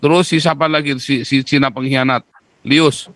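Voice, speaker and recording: Brief: man, mid-pitched, emphatic and lecturing, close dry mic, talk-show guest. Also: fairly even intonation, moderate pace, fairly bright tone, no room sound.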